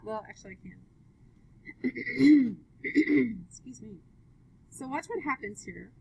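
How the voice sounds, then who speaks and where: Upbeat woman teacher, slow and quizzing. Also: high voice, wildly swooping pitch, vocal fry, warm tone, husky, poor audio. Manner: upbeat, quizzing students with questions. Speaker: math teacher. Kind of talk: live classroom lesson.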